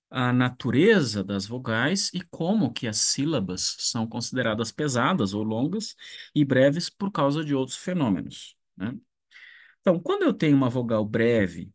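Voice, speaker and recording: A man teaching an online class, speaking slowly and thinking aloud, with frequent restarts and tag questions. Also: mid-range voice. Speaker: ancient Greek teacher. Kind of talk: online lecture.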